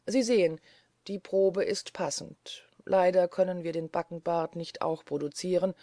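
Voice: medium pitch, steady tone, unhurried, warm tone, dry recording, natural voice. A reader voicing a confident male lawyer in a courtroom, speaking in an assured, polished way.

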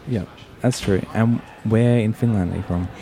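A podcast host with a very low, mellow voice. He rambles through his questions in a loose, casual way, padding them with ums and uhs. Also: fairly even intonation, moderate pace. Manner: rambling, chatty, many fillers. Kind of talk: casual interview.

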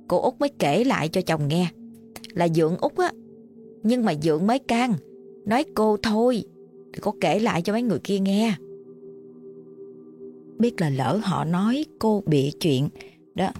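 A woman with a Southern Vietnamese accent narrates a ghost story in a chatty, folksy voice, leaning on fillers. Her pitch sits a little low, and faint music plays beneath. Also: darkish tone.

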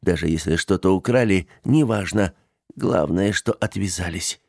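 A man narrating an audiobook in a steady, measured way. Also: low voice, creaky, dry recording, clean studio sound. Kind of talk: audiobook reading.

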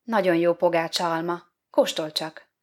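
A woman voicing Eve, a sweet, playful young woman who speaks gently and coaxingly in a storybook reading. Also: on the low side, fairly even intonation, close to an everyday voice.

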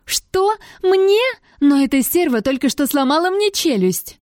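A woman plays a jealous young rival with a shrill, squeaky voice that jumps high and whines. She shrieks her accusations in a piercing tone. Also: sing-song, fairly quick, a little mellow, no echo, studio quality. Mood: outraged. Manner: shrieking, hissing, whiny.

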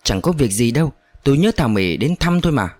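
A man's voice: mid-range voice, sing-song, fast talker, a little mellow, no echo, faint music behind. A reckless, lovesick young man in a storybook reading, pressing his case ardently, as a male narrator plays him. He keeps insisting. The recording is dry and close. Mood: insistent.

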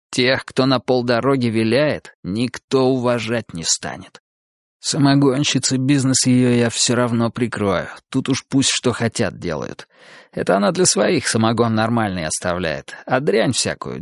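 Man doing a heated young sergeant, stubborn, halting, slightly low, audiobook figure. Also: no echo, studio quality.

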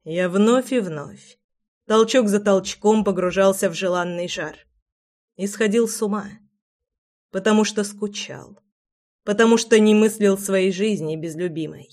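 A woman reads a romance audiobook in a soft, intimate voice, taking her time over the lines. Her pitch sits in the middle of the range, and the delivery stays gentle and close. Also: fairly even intonation, unhurried. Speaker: audiobook narrator. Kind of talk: audiobook narration.

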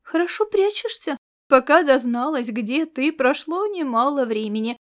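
A woman plays a cocky young wife who drops in uninvited. Her lines are high and sing-song, teasing and scolding by turns. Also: expressive, moderate pace, a bit bright. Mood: playful. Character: breezy self-assured young female pilot.

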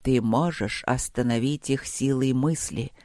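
A man's voice: mid-range voice, no echo, clean studio sound, pitched below the performer's own voice. A man doing a dying old emperor in faint whispers. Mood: weak, tender. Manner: faint, slow, breathy whisper. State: dying, short of breath. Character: dying old emperor grandfather, gentle and resigned.

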